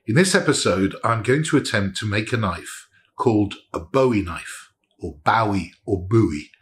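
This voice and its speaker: A man narrating his workshop project in a relaxed, chatty way, with frequent ums and restarts. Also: on the low side, normal speed, breathy edge. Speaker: maker showing his knife-making project. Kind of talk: casual workshop vlog narration.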